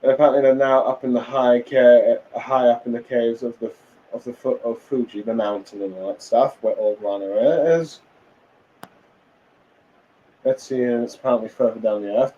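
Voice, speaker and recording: A man's voice: mid-range voice, a little mellow, dull audio, a little hiss or hum. A tired man casually recapping a comic chapter, rambling with many fillers and restarts. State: tired, yawning. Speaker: manga reviewer.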